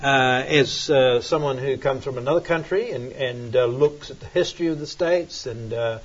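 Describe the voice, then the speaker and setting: Husky New man rambling. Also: medium pitch, normal speed. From New Zealand. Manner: rambling, hesitant, many fillers. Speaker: pastor. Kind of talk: relaxed sermon chat and prayer. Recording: dull lo-fi recording.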